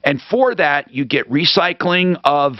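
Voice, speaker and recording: A man's voice: a little high, animated, unhurried, dry recording, highs cut off. A man hosting a call-in radio show, talking off the cuff in an emphatic, brusque way and cutting in on callers. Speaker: radio talk show host. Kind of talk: unscripted call-in talk.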